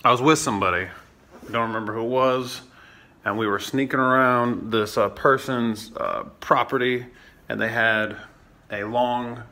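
A man in his thirties vlogs casually on a phone held close at arm's length, rambling with lots of fillers and swearing. His medium-pitched voice is steady, unhurried, pushed and bright, first indoors at home and then outdoors on city streets and a trail.

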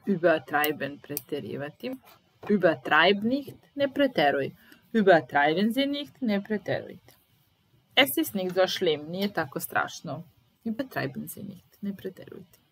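Lady teaching german real slow, says each line twice then translates, lowish voice. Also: fairly bright tone. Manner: repeats German sentences then translates, patient. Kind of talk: slow language lesson.

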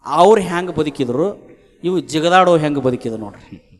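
A man with a North Karnataka Kannada accent preaching a devotional sermon, chanting verses slowly and then explaining them in lively colloquial speech. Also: on the high side, in a large hall.

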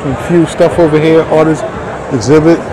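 Here a man hosting a walk-around vlog chats casually through a face mask, using relaxed slang as he crosses a large, busy convention hall. His voice is a little high, with fairly even intonation and a moderate pace. The crowded floor fills the recording with chatter and hall noise.

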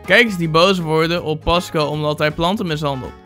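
A man with a high, sharp voice jokes his way through fan posts like a playful YouTuber. He mocks himself, swears and drops English phrases into his talk. Soft music sits faintly behind him. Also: fairly quick. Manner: bursts into loud shouts. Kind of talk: casual joking commentary.

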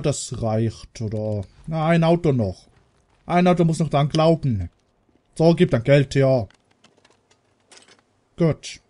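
A man's voice: mid-range voice, mellow. A man from Germany giving casual commentary while playing a video game, chatting to the characters and swearing when startled. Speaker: let's player.

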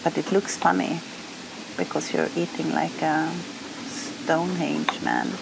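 A middle-aged woman from Sweden with a Swedish accent, chatting casually in English while cooking and eating in a small boat cabin, relaxed and laughing easily. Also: low-pitched, a little slow, gravelly, noisy background. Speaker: sailing vlogger.

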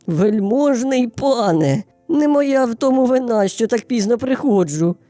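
A woman voicing a small, clever male hare in a children's fairy tale, flattering and bowing in a sing-song way. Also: fairly high pitch, unhurried, no room sound, soft background music. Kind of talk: storybook character voice.

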